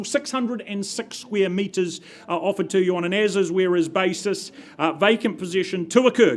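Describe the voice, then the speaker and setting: A woman's voice: medium pitch, a little mellow. A woman working as a live auctioneer, calling out bids and repeating figures in short phrases as she prompts bidders.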